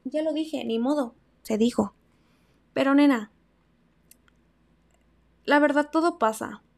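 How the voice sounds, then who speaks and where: A woman's voice: high-pitched, slow pace. Chatty Mexican woman podcaster. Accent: Mexican Spanish. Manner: chatty, slangy, swinging between loud emphasis and soft asides. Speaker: podcast host. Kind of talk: casual advice podcast.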